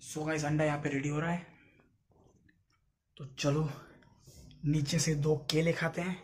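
A young adult man with a high, husky voice vlogs casually to camera, speaking in a level tone and a little slowly. He talks informally, treating viewers like friends, while moving around a home indoors and out. The audio comes from a phone held at arm's length and is noisy and handheld.

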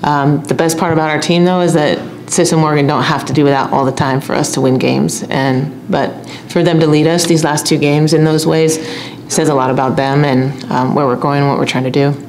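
A middle-aged woman head coach answering reporters' questions at a postgame press conference, speaking in a measured, steady way into a table mic. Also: deep voice. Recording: echoey room, faint hum.

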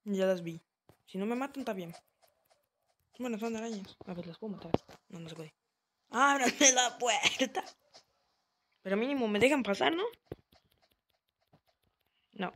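A woman giving let's-play commentary as a gaming host, excitable, yelping and laughing when startled. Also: medium pitch, normal speed, pauses often.

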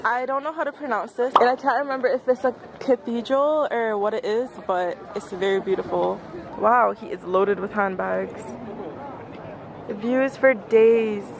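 A woman's voice: on the high side, moderate pace, creaky, crowd noise. A young woman chatting to viewers of her travel vlog as she tours a city. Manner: chatty, upbeat, addresses viewers. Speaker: vlogger. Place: outdoors in a busy city. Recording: noisy street with crowds.

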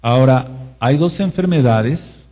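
A man's voice: medium pitch, expressive, unhurried, warm tone. A man with a Mexican accent teaching a sermon, repeating key words and asking his listeners questions. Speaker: preacher.

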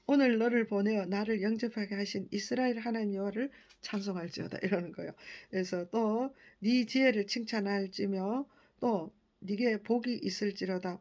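A woman leading a Bible reading. She reads scripture aloud carefully and often corrects herself. She explains the passages in a gentle, admiring way. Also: mid-range voice.

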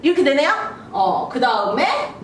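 Woman English teacher, animated and high, drawing out sounds slowly; echoey room, voice off mic. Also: distant mic, a little hiss or hum. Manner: lively, sounds out syllables slowly, acts out student questions. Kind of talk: basic English lesson.

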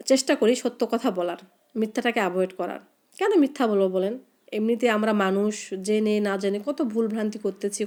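A young woman with a voice hoarse from a cold, chatting in a heartfelt, rambling way while she cooks. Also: a little high. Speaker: cooking vlogger. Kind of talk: casual chat while cooking.

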